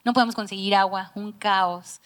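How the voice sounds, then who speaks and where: A church worship singer shares a heartfelt personal testimony in casual conversation with church staff, her medium-pitched voice steady and at normal speed. The storytelling is emotional, and at times she drops almost to a whisper.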